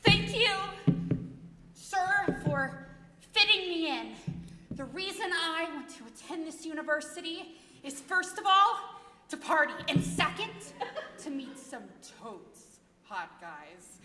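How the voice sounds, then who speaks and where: A woman's voice: high voice, animated, takes it slowly, music in the background. A woman performing a stage monologue as a ditzy, bubbly teen college applicant who gushes in chirpy valley-girl talk. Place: school theater stage. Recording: echoey hall from far off.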